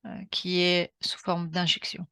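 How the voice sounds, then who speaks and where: A woman with a French accent, calmly guiding a session with questions and short murmurs of encouragement. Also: fairly low pitch, unhurried, vocal fry, smooth, no room sound, studio quality. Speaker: session guide.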